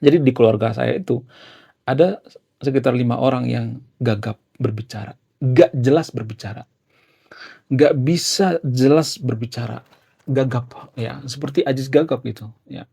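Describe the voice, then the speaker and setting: A man's voice: medium pitch, moderate pace, creaky, dark tone, husky. A young man explaining casually in a chatty way, peppering his sentences with fillers. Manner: chatty, filler-heavy, often ends with "ya". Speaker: YouTuber.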